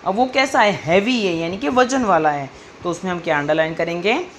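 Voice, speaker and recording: A woman teacher explains grammar to children in a patient question-and-answer style, reading sentences slowly. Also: on the low side, slight background noise.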